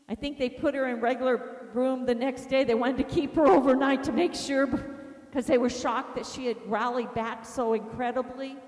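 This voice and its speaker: A woman minister teaches with lively, animated storytelling and acts out what others said. Her voice sits high and bright, and it rings through a large hall with a long reverb. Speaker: deliverance minister teaching a class. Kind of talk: teaching sermon with personal stories.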